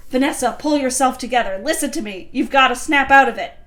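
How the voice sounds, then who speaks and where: A frantic young male cartoon bee, loud and commanding as he barks urgent orders, put on by a woman. The voice is pitched high and sounds bright and sharp. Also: quick pace. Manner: urgent, commanding, shouting instructions.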